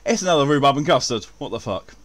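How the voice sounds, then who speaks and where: A man's voice: mid-range voice, expressive, fast talker, a bit bright. A man chatting casually as he streams and comments on a video game.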